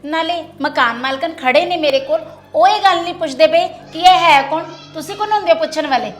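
A woman playing a patient sister-in-law in a family drama, calming and firm. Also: very high voice, fairly quick. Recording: echoey room, faint music.

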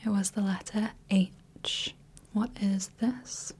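A woman voicing a gentle female clinician in a whispered role-play, softly reassuring as she runs light tests. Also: mid-range voice, level tone, slightly rough. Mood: soothing. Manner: soft, slow, reassuring, checks in often. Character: gentle female clinician testing the viewer's eyes. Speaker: ASMR creator playing a clinician running light tests.

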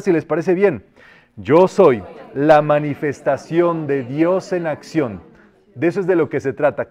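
Male metaphysics teacher, fairly high pitch; colloquial and exhorting, intones group decrees slowly. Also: a little mellow. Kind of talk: spiritual class leading group decrees.

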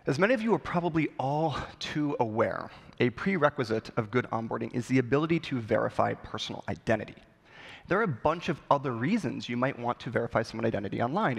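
A man's voice: mid-range voice, gravelly. A man in his thirties presenting a polished, scripted keynote on a conference stage. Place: large conference hall, on stage. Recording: long hall reverb.

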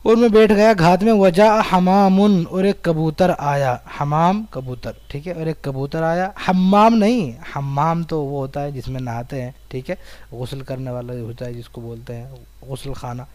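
A man's voice: on the high side, a little mellow, no echo. Indian Urdu-speaking man teaching Arabic. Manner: reads an Arabic line, then explains it word by word in Urdu. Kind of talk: recorded online lesson, reading and translating.

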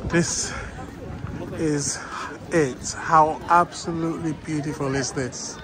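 A man's voice: a little high, steady tone, takes it slowly, crowd noise. A man filming a casual travel vlog outdoors, chatty and enthusiastic, out of breath from walking. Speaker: videographer. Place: outdoors at a shrine. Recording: outdoor noise.

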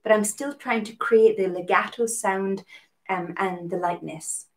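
A woman teaching a live-streamed harp lesson, explaining technique gently and encouragingly, with pauses to greet viewers and answer their comments. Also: medium pitch.

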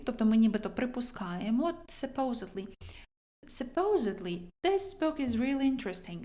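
A woman's voice: on the high side, darkish tone. Chatty Ukrainian woman teaching English. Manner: chatty, self-deprecating, reads English examples slowly. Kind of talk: vocabulary lesson.

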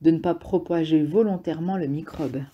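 A woman reads a calm grown man in an audiobook, patient and gently ironic as he probes. The voice is low, dark and a little husky. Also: a little fast, lo-fi sound.

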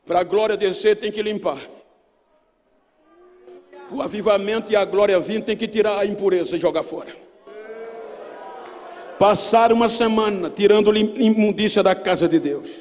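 Speaking at a podium-mounted microphone, an older Brazilian pastor in his sixties delivers an emphatic, oratorical sermon to a large congregation at a youth Bible seminar in a big church auditorium. His high-pitched, darkish voice moves at normal speed with frequent pauses, and the PA system gives it a long hall reverb.

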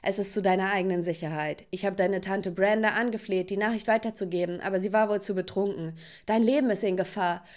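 A woman voicing a desperate father in hiding who pleads urgently over the phone in an animated story. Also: mid-range voice, quick pace, hardly any pauses, natural voice.

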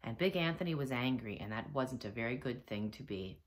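A teacher reading a children's picture book aloud, with expressive storytelling. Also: female voice, a bass voice, fairly quick. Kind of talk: children's read-aloud narration.

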